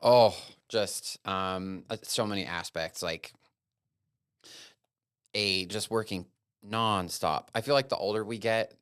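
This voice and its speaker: A man's voice: on the low side, slow, fairly bright tone, clear, resonant tone, dry recording, clean studio sound. A man from Wyoming, a guest photographer, talking candidly and earnestly in a casual interview, with long run-on thoughts.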